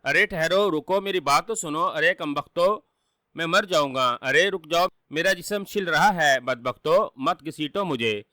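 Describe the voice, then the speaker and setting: A man doing a shouting, stammering trickster hero. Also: fairly high pitch, dry recording, clean studio sound. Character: cunning young male trickster hero.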